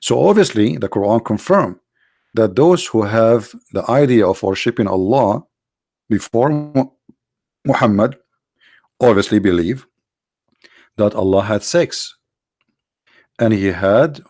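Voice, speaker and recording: Gravelly, tired-voiced man lecturing. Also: on the low side, expressive, darkish tone, no echo. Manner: emphatic, rhetorical questions, halting restarts. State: tired, strained voice. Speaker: religious apologist. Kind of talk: lecture on scripture.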